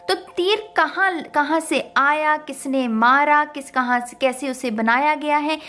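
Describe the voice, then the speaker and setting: Emphatic high-voiced woman. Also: a bit bright. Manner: emphatic, rhetorical questions, Hindi mixed with English words. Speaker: tarot reader. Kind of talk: spiritual talk to viewers.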